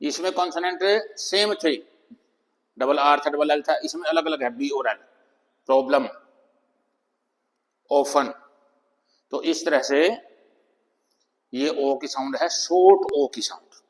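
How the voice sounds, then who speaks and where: A man gives a phonics lesson at a slow, deliberate pace. His voice sits a little high, and he sounds out example words one by one. A long reverb hangs on everything he says. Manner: slow, deliberate, reading English headings aloud. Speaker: English teacher.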